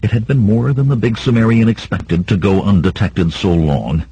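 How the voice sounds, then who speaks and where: A man narrating an adventure audiobook in a steady, measured way, with a husky voice, recorded close to the mic. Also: no echo, low-quality recording. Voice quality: deep and husky. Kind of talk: scripted narration.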